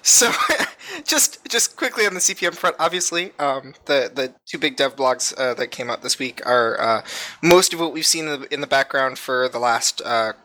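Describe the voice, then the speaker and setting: A man with a bright, forward voice of medium pitch co-hosts a casual podcast. He speaks hesitantly, with a teasing streak. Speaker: podcast co-host. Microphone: online voice chat.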